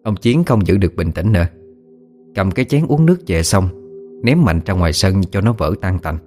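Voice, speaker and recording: A man narrating a story as an audiobook reader, steady and expressive. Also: low-pitched, moderate pace, faint music behind.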